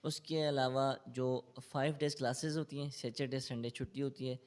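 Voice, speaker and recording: A man's voice: mid-range voice, steady tone, a little mellow. A man with a Pakistani Urdu accent, a Quran tutor answering interview questions and explaining tajweed patiently. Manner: recites in slow melodic chant; explains patiently with English loanwords.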